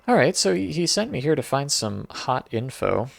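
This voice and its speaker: A man's voice: mid-range voice, sing-song, moderate pace, vocal fry, no room sound. A man streaming a game, giving casual, joking commentary with wry asides and frequent laughter. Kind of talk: let's-play commentary.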